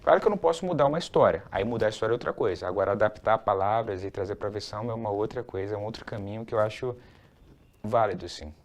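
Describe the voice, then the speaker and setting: A man's voice: fairly low pitch, quick pace. A man with a Brazilian Portuguese accent, a dubbing professional, explaining his view earnestly in a documentary interview, with frequent restarts.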